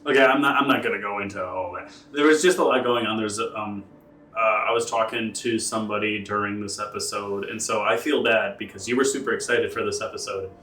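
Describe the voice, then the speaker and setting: A lower-voiced man co-hosts a casual podcast chat and gives blunt, joking opinions. He sounds set back from the mic in an echoey room. He talks plainly and conversationally. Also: fairly even intonation, sharp tone, far from the mic, a little hiss or hum. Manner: blunt, joking, quick to judge. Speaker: podcast co-host.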